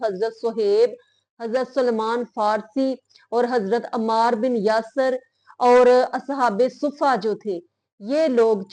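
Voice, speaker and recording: A woman giving an earnest Islamic moral talk, speaking in a measured preaching manner. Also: sits high, darkish tone. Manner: slow, earnest preaching with Urdu religious phrasing. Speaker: religious speaker.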